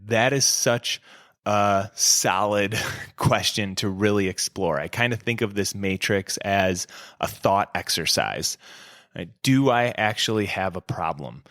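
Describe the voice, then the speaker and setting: Candid low-voiced male podcast host. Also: a bit bright, no room sound, studio quality. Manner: candid, reflective, conversational. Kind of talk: casual solo podcast talk.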